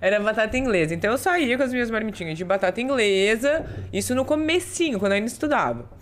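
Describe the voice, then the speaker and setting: A woman's voice: a little high, expressive, quick pace, slight background noise. A young adult woman with a Brazilian accent, a guest on a casual podcast, telling her story and repeating words for emphasis. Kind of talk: casual interview chat.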